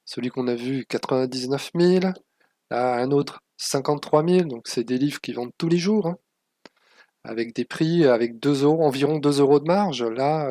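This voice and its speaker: A man walks viewers through a screen-share tutorial, pausing often on fillers as he issues cautionary warnings. His voice sits at an ordinary middle pitch. The recording is dry and close, with no room sound. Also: vocal fry, mellow, no echo. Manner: hesitant, many fillers, warning tone. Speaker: channel host.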